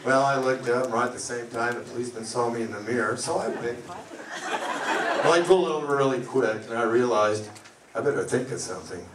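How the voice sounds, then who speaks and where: A middle-aged man doing a stand-up comedy set, delivering deadpan one-liners. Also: mid-range voice, quick pace, recorded from a distance, a crowd in the background. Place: comedy club lounge. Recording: echoey club, mic heard from afar, loud noise. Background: audience laughter.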